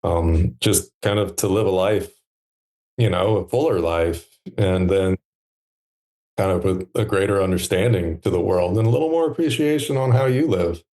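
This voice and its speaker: A man in his thirties, a podcast guest talking in a relaxed, reflective way with many pauses and fillers. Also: low-pitched. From United States. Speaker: podcast guest, stand maker. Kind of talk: relaxed conversational interview.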